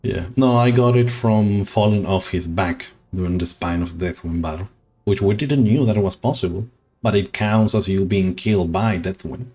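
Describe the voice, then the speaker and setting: A man streaming a game, talking slowly and sentimentally, rambling with soft laughs. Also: deep voice. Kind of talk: casual game stream chat.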